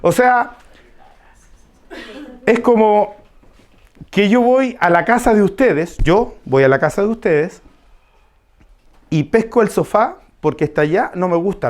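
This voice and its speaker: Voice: medium pitch, big pitch swings, a little slow, pauses often, darkish tone. A preacher teaching a Bible passage to a congregation, repeating key phrases and asking them questions. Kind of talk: expository Bible study sermon.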